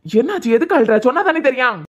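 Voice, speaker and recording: A woman putting on a deep, brusque young groom. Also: lively intonation, quick pace, dull audio. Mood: impatient. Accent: Kanyakumari Tamil. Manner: brusque, scolding questions. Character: irritated young groom, quick and curt.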